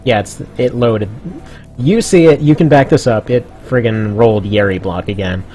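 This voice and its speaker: A man's voice: fairly low pitch, normal speed, loud music behind the voice. Chatty man commentating a game. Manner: chatty, laughs often, trails off. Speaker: stream commentator.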